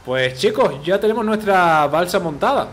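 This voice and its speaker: A man's voice: sits high, expressive, moderate pace, a bit bright, soft background music. A man, a gaming video host giving casual gameplay commentary, chatty and thinking aloud with repeated filler words.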